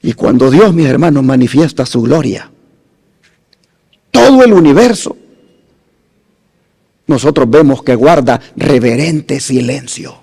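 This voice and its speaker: Slow gravelly preacher in a reverberant hall. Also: male voice, medium pitch, lively intonation. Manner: slow, dramatic preaching with wide swings between loud emphasis and hushed phrases. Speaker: pastor. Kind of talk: sermon.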